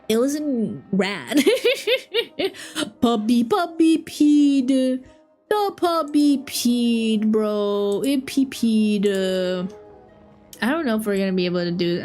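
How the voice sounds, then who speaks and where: Her voice is fairly high and a little mellow. A young woman streaming casually from home while sick with a cold, she sniffles, giggles, rambles and interrupts herself mid-thought.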